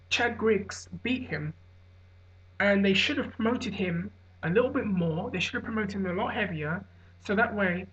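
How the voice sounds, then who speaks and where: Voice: medium pitch, fairly bright tone. A hungover person giving unscripted opinion commentary on fights, rambling and correcting themselves as they go. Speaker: online MMA commentator. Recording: dull lo-fi audio.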